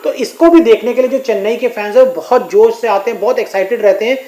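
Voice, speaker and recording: A man's voice: high-pitched, fast, warm tone, reverberant, poor audio. A man reporting as a sports correspondent in a news discussion, giving detailed explanations.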